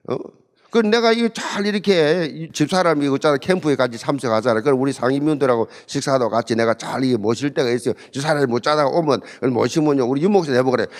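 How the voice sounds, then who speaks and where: A middle-aged man, preaching an emphatic, humorous sermon with lots of repetition and call-and-response. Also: fairly high pitch. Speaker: pastor. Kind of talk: sermon at a marriage seminar. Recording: long hall reverb.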